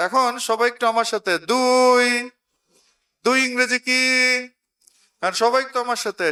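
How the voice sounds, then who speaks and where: A man's voice: very high voice, sharp tone, distant mic. A man teaching English to a crowd, saying phrases for them to repeat back. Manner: drills a crowd, repeating words for them to echo. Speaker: English teacher and guest speaker. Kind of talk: call-and-response English lesson. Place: outdoor event ground.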